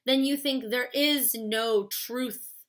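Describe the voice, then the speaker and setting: Speaking slowly in a fairly high voice, a woman in her thirties who lectures in philosophy talks through a concept in a relaxed, conversational classroom manner, sprinkling in "like" and "stuff."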